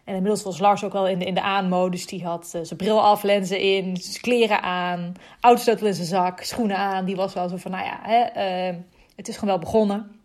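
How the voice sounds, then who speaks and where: A young woman calmly telling the story of giving birth, in a reflective, soft-spoken way. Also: mid-range voice, brisk. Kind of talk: casual personal storytelling.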